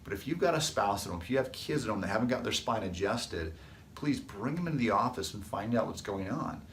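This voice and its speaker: A man's voice: lowish voice, animated, a little fast, fairly bright tone, reverberant, slight background noise. Chiropractor man telling folksy stories. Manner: folksy, rambling anecdotes with restarts. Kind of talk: casual storytelling to camera.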